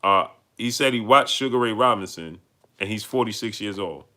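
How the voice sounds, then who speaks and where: A man with a New York accent hosts a live stream, welcoming viewers and reading their super chats aloud. His voice sits on the low side, bright and forceful, at a moderate pace. He speaks emphatically, repeating himself as he works up to heated peaks.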